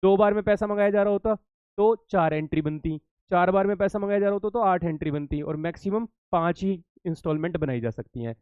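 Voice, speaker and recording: A man's voice: high-pitched, quick pace, clear, resonant tone, no room sound, phone-quality sound. A male accountancy teacher giving an exam-prep lesson to students, repeating key points, checking that they follow and calling them kids.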